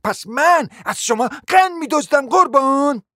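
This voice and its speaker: A reader voicing a quarrelsome provincial lady who shrieks high, shrill accusations, in a dry close recording. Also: lively intonation, a bit bright, no room sound. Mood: indignant.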